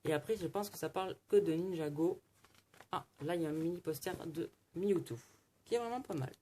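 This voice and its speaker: A man who vlogs card openings chats casually through an unboxing, narrating nonstop as he opens packs and turns magazine pages. He talks briskly in a mellow, higher-pitched voice, with slight background noise.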